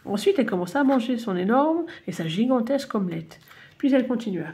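Animated woman reading a children's story. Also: fairly high pitch, quick pace. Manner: animated, playful.

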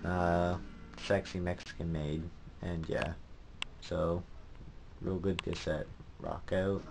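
His low, gravelly voice moves slowly while music plays behind him. The speaker is a young man, teenager or young adult, vlogging a casual video diary from a small bedroom at home with the camera held out at arm's length, rambling hesitantly in a flat tone.

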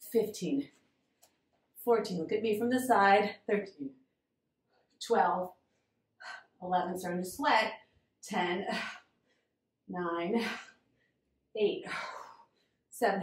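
A woman's voice: mid-range voice, roomy sound, recorded from a distance. A young adult woman leading a home workout in her garage, counting reps aloud, encouraging and out of breath. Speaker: fitness instructor.

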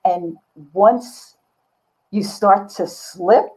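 She draws out her words in a medium-pitched voice that's a little mellow with a breathy edge. An older woman artist, she's a casual, candid interview guest on a video call, reflecting from her book-lined home studio indoors; the audio comes through slightly dull.

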